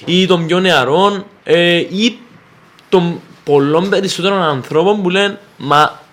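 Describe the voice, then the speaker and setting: A man with a Cypriot Greek accent, co-hosting a podcast discussion, asking questions in a colloquial, polite way. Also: sits high. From Cyprus.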